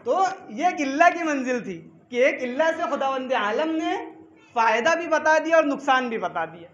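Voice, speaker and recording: A man preaching a sermon at a religious gathering, repeating phrases for emphasis, reciting Arabic verses and rising to shouts. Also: extremely high pitch, lively intonation, moderate pace, a little hiss or hum. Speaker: cleric preaching at a majlis. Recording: echoey hall, muffled lo-fi sound.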